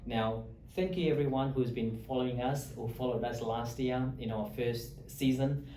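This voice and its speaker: A man's voice: medium pitch, normal speed, mellow, slight background noise. A man hosting an interview as a lawyer, speaking in a friendly, talkative way with many fillers and restarts. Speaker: host, lawyer. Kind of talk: interview chat. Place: office or meeting room in Australia. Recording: echoey room, mic at a distance.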